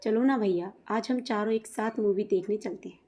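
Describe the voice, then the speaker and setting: A woman storyteller voicing a kind, caring young bride who fusses gently over her husband. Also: medium pitch, normal speed, lightly acted. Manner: gentle, fussing.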